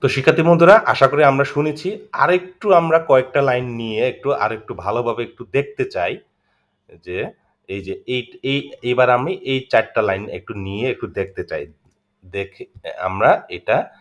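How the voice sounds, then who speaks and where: A man's voice: mid-range voice, lively intonation, brisk. Chatty male teacher. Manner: chatty, repetitive, frequent "right?" check-ins. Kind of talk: classroom video lesson.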